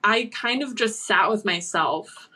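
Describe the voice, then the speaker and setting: A woman's voice: mid-range voice, animated, unhurried, bright, forceful tone, slightly rough. Female host, casual rambling storyteller, mid-range voice. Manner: rambling storyteller, many "like"s and restarts. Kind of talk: casual livestream chat.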